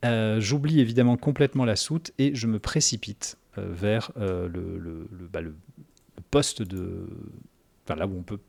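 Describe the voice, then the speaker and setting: Rambling, wry man with lowish voice. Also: moderate pace, creaky, a little mellow. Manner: rambling, self-interrupting, wry. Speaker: tabletop game player. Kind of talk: casual game chat.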